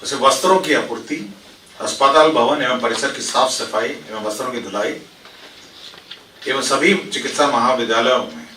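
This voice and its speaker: A man's voice: medium pitch, normal speed, sharp tone. A man giving a formal press briefing as a government official, reading out decisions and explaining them, with English administrative terms mixed in. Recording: echoey room, distant mic, faint noise.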